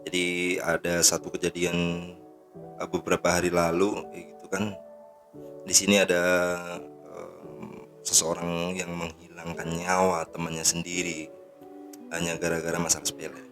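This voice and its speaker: A man's voice: low voice, monotone, normal speed, pauses often, a bit bright, faint music behind. A man in his thirties hosting a casual commentary on news, indignant and rambling with fillers. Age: 30s. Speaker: host.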